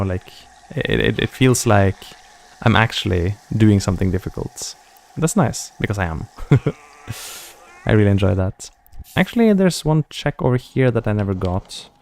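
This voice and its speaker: Low-voiced Scandinavian man chatting over gameplay. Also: creaky. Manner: thinking aloud, chatty, answers chat comments. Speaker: gaming streamer. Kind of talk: casual gameplay commentary.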